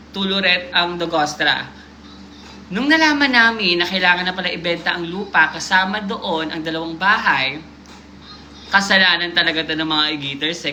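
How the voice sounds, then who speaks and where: A woman with a very bright, sharp voice hosts a casual live stream. She reads a submitted story aloud and keeps stopping to joke about it. Faint noise sits under her voice. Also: lowish voice. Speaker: livestream host reading viewer stories.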